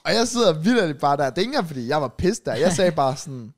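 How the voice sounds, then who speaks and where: A young man from Denmark co-hosting a podcast, telling stories in a relaxed way and laughing as he goes. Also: a little high. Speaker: podcast co-host. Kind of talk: casual chat.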